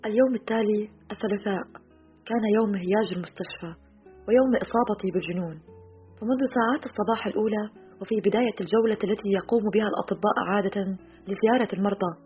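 Woman narrator, quick steady literary reading, muffled sound, soft guitar underneath. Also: mid-range voice. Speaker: audiobook narrator. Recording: slightly muffled, soft guitar music behind.

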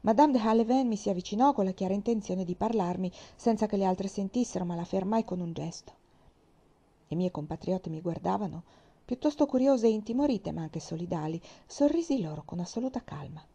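Woman narrator, mellow tone, dramatic first-person novel reading with bursts of raised voice. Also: medium pitch, brisk, breathy edge, highs cut off. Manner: expressive first-person narration, rising to loud outbursts. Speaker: reader.

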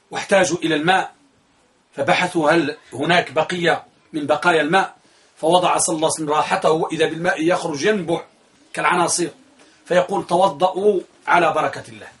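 Male grammar teacher, high-pitched, drills key phrases through repetition. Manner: asks his class questions, then answers them himself; repeats key phrases for emphasis. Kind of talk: classroom grammar lesson.

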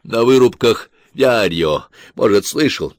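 A man reading a story and voicing a tense, worn-out enemy corporal with a muted, gruff delivery. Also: medium pitch, expressive, slow pace, no room sound, clean studio sound, pitched above the performer's own voice. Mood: grim. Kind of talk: audiobook character voice.

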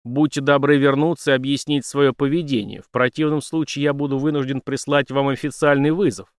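A gruff male officer, as a man reads him in an audiobook, combative and sardonic. He pushes his questions hard and mockingly. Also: mid-range voice, steady tone, brisk, dry recording, clean studio sound, close to an everyday voice. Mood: gruff challenging.

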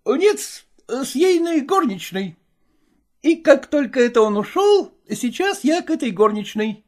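A woman's voice: high voice, sing-song, a little slow, darkish tone, exaggerated voice. A woman reading a storybook, voicing a sly, servile male lackey who gossips and fawns. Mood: fawning. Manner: fawning, gossiping.

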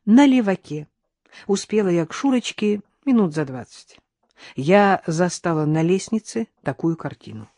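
A woman narrating a first-person audiobook in a lively, ironic storytelling manner. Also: on the low side, moderate pace, no room sound, studio quality.

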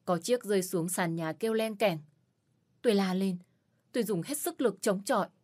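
A woman's voice: medium pitch, normal speed, a little mellow. A woman telling a tense, emotional first-person story as narrator. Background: faint music.

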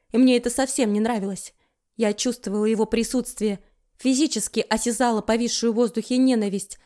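A woman reading a dramatic audiobook with an expressive delivery. Her voice sits somewhat high for a woman. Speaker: audiobook narrator. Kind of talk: audiobook narration.

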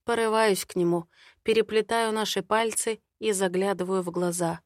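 A woman narrating an audiobook in the first person in a soft, measured way. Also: mid-range voice, steady tone, no echo, studio quality.

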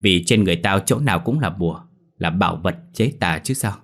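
A cocky young exorcist, as a man plays him, blunt and quick with his comebacks. His tone stays low and steady, unbothered by ghosts. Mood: brusque.

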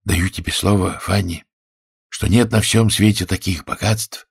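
A man's voice: low voice, fairly even intonation, a little slow, vocal fry, husky, exaggerated voice. A man voicing a doting reformed crook. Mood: reassuring. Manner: fond, gently coaxing. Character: reformed male crook, doting fiancé, earnest. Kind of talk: audiobook character voice.

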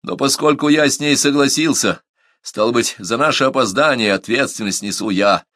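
A man's voice: mid-range voice, moderate pace, fairly bright tone, no room sound, clean studio sound, pitched above the performer's own voice, close to an everyday voice. A man reading the part of a proud, stubborn young man in an audiobook, speaking in strained, clipped replies.

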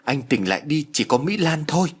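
An anxious young woman doctor from an audio story speaks urgently, as a male narrator puts her on. Her voice sits higher, with a slight huskiness. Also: sing-song, fairly quick, slightly rough. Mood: worried. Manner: urgent, worried.

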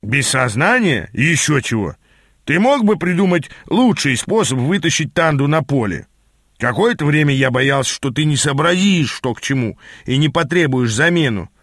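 A man's voice: on the high side, big pitch swings, normal speed, fairly bright tone, dry recording, studio quality, heavily acted. A man voicing a bossy, sarcastic demon mentor in a fantasy audiobook. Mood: sardonic. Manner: sarcastic, commanding. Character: gruff, bossy, sardonic male demon mentor.

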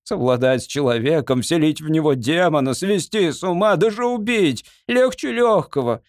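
A man voicing an exhausted male sorcerer who explains things in a measured way, in an audiobook. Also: a little high, lively intonation, no echo, studio quality, voice pushed up. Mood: weary.

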